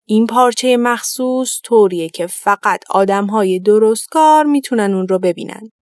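A woman voicing sly cheat weavers who flatter and persuade, in a children's storybook reading. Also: medium pitch, dry recording, clean studio sound, close to an everyday voice.

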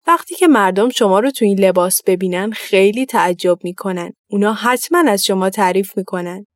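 A woman voicing sly cheat weavers who flatter and persuade, in a children's storybook reading. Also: medium pitch, dry recording, studio quality, lightly acted.

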